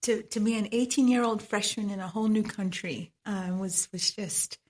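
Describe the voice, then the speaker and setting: A Trinidadian woman with a mid-range voice speaks at a normal pace as a guest on a podcast interview. She's a medical esthetician, and she comes across as reflective, laughing often.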